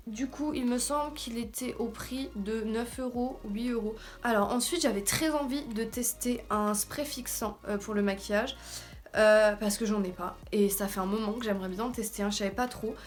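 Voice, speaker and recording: A woman with a French accent, also on English words, giving an informal, slangy, self-deprecating beauty haul chat. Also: medium pitch. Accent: French, heard also in her English. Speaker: beauty vlogger. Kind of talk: casual haul video chat. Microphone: camera in front of her with ring light.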